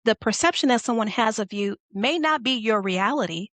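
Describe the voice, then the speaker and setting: Animated woman coach telling a story. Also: fairly high pitch, moderate pace, no echo. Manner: animated, conversational, addresses listeners directly. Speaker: leadership coach. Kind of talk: motivational storytelling talk.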